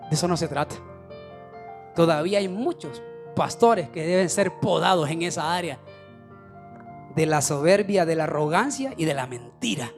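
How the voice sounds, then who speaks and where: A male pastor preaching a sermon, with shouted, sing-song climaxes and quieter, confiding asides. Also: fairly high pitch, expressive, normal speed, long pauses, faint music behind. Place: church.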